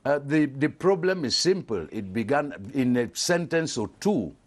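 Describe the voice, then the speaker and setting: A man from Cameroon, a panelist on a studio discussion show, explaining in an animated way with hesitations. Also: mid-range voice, moderate pace.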